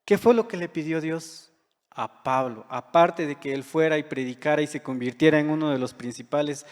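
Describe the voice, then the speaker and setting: A man preaches in a church hall, his voice sitting a little high for a man. He talks to the congregation in an earnest, conversational way and asks them questions. Long reverb from the hall trails behind each phrase. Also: normal speed. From Guatemala. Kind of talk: sermon.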